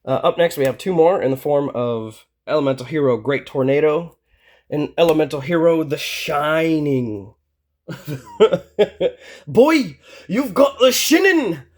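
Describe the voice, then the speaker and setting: A man's voice: on the high side, a little slow, long pauses, a little mellow. A man hosting his own channel, walking through a card deck in a casual, rambling way, with lots of fillers and little chuckles. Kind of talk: casual deck profile talk.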